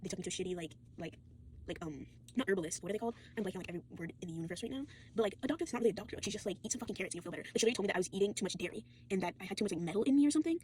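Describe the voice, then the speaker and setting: A late-teen vlogger, tired and sore, rambles casually into her phone with plenty of fillers, restarts and swearing. Her medium-pitched voice is animated, warm and racing, with slight background noise.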